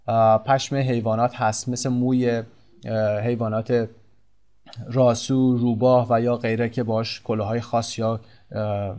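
Man, English teacher, slow repeated example words, quick asides, mid-pitched voice. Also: a little mellow. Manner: slow, deliberate spelling and repetition of English words; switches between quick asides and drawn-out example sentences. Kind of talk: vocabulary lesson.

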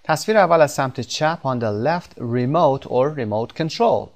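A man with a Persian accent teaching English vocabulary, explaining patiently and repeating words slowly for pronunciation. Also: mid-range voice, lively intonation. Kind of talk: vocabulary lesson.

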